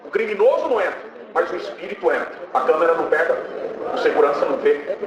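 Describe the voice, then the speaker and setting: A man's voice: a little high, expressive, fast talker, distant mic, a crowd in the background. Fervent Brazilian man testifying in church. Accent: Brazilian Portuguese. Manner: fervent, often breaks in with praise exclamations. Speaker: church member giving testimony. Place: church hall. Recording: muffled, echoey church hall with noise.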